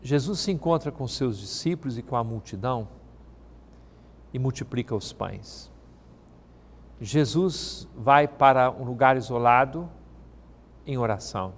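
A man's voice: mid-range voice, expressive. Man reading scripture in a reverberant hall. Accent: Brazilian Portuguese. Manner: measured, solemn reading with a devotional tone. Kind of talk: scripture reading and short homily.

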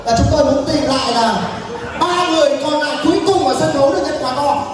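A man's voice: very high voice, fast talker. A young man hosting a live party game show as MC, teasing playfully and hyping the crowd over a PA. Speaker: event MC. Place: large hotel ballroom stage. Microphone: handheld PA microphone heard through distant camera. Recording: echoey hall, distant camera, music and crowd.

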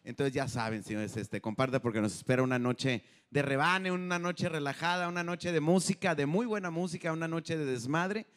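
High-voiced guy doing stand-up, lots of slang, laughs at his own jokes. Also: fairly quick, hardly any pauses, fairly bright tone. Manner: crude slang-heavy storytelling, acts out characters. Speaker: comedian host. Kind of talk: live stand-up storytelling.

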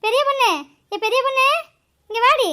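A bossy old grandmother in a family cartoon, voiced by a woman. She nags and scolds everyone with a very high, piercing voice. Her temper flares quickly at her daughter-in-law. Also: bright, forceful tone. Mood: scolding. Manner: scolding, nagging.

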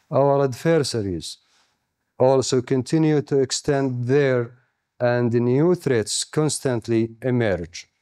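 Here the Saudi-accented man's medium-pitched voice sounds darkish and clean. On the conference stage he reads his formal keynote from notes, measured and pausing with intent, close to a handheld microphone set on a stand.

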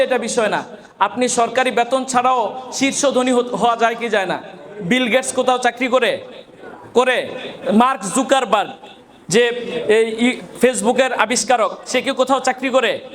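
A man's voice: very high voice, moderate pace, fairly bright tone. A man from Bangladesh, an Islamic scholar, gives a farewell motivational speech to students and keeps asking them rhetorical questions. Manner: asks the audience rhetorical questions.

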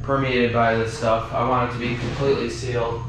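A man's voice: medium pitch, flat delivery, fairly quick, noisy background. A young man hosting a do-it-yourself video, explaining his repair job casually to viewers he calls guys, filmed on an action camera. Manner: chatty, addresses viewers as guys. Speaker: DIY video host. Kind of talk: casual how-to narration. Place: outdoors by a truck, then inside a metal walk-in cooler. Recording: roomy sound with music behind.

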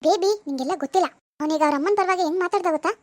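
A woman's voice: extremely high pitch, rapid-fire, dry recording. A woman voicing a domineering, scornful mother. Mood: soothing. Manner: bossy, contemptuous. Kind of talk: animated village drama voice acting.

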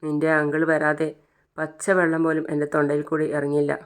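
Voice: mid-range voice, completely flat delivery, fairly quick, clean tone, close to an everyday voice. A grieving mother, read by a narrator. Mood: despairing. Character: grieving mother refusing food.

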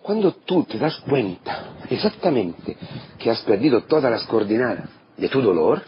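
A man preaching an impassioned sermon as a priest, swinging from loud declarations to hushed asides. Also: mid-range voice, sing-song, normal speed. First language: Italian. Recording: dull lo-fi recording with faint noise.

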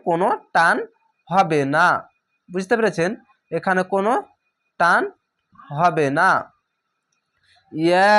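A man with a high, somewhat bright voice teaches a recorded beginner reading lesson. He patiently repeats instructions, sounds out letters one at a time, and speaks directly to learners with check-in questions.

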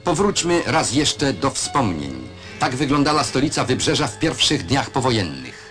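In the classic voice-over style of an old newsreel, a man narrates proudly and declaims, his pitch swinging widely through every sentence as he throws in rhetorical questions. His delivery is sing-song at a moderate pace, and music runs under the archival soundtrack the whole time.

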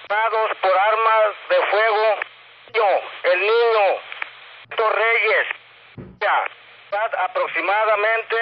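A man dictating an incident report over a two-way radio as a police officer, haltingly and repeating phrases. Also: sits high. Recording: dull, noisy two-way radio transmission.

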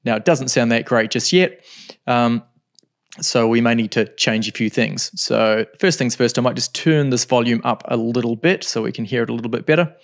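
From his desk in a home studio, a middle-aged man teaches music software in an unhurried, step-by-step way. He has a mid-range voice and takes pauses to think.

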